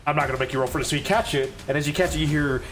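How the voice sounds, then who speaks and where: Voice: medium pitch, very fast, faint music behind. A game master casually narrating a tabletop role-playing game, with frequent hesitations.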